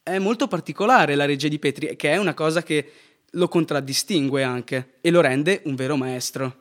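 A man's voice: a little high, normal speed. A man co-hosting a casual film review chat, talking earnestly and often ending points with a questioning "right?".

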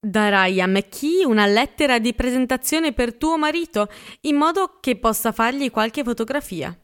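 A woman's voice: fairly high pitch, expressive, normal speed, clean tone, pitched above the performer's own voice, close to an everyday voice. A woman voicing a brash, teasing wealthy man in an audiobook. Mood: mocking. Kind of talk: audiobook character reading.

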